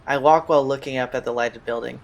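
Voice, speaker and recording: Speaking fast with a steady tone, medium pitch and noticeable vocal fry, a man hosts a visual novel playthrough and reads the text aloud. His style is slangy and casual, with asides thrown in. There's a little hiss or hum, and the game music plays in the background.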